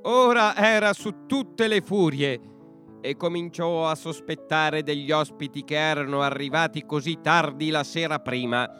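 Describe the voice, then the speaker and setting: A man narrating a traditional fairy tale for a bedtime podcast in an expressive storytelling manner. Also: on the high side, measured pace, soft background music.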